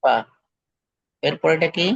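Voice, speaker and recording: Slow, patient male English teacher. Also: a bit bright, no room sound. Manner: slow, patient, repeats words for students. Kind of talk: online class pronunciation drill. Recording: dull lo-fi online call audio.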